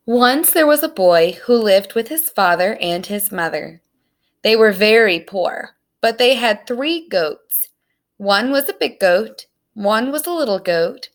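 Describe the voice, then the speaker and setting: A woman narrates a children's storybook aloud in a slightly high, animated voice, using simple, deliberate phrasing.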